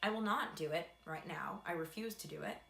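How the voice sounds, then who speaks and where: A woman's voice: lowish voice, brisk, vocal fry, sharp tone. A young adult American woman telling a casual personal story in a chatty, self-deprecating way with dry asides. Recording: echoey room with faint background hum.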